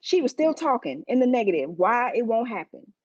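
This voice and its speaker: A woman's voice: fairly high pitch, big pitch swings, brisk, no echo, muffled recording. A woman preaching a sermon, telling stories to the congregation in a conversational, emphatic way.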